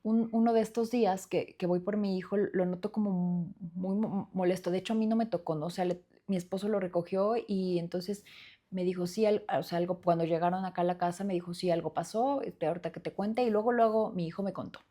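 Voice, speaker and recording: A woman hosts a solo podcast on a studio microphone, speaking earnestly and reflectively with many fillers and restarts. Her voice is warm, fairly low and fairly even, and she talks fast.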